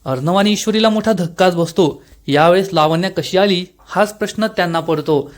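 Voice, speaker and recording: A man with a notably high-pitched voice tells the story of a TV episode in scripted narration. He keeps a steady storytelling pace and reads the characters' lines without changing his voice. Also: moderate pace. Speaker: serial review narrator.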